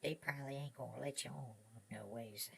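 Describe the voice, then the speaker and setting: An actor playing an excitable, chatty old prospector with an American Old West drawl, stammering and rambling in a Western audio drama. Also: male voice, medium pitch, a little fast, gravelly, slightly rough. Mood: merry, dreamy. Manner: rambling, stammering, repeats words, chuckling old prospector talk.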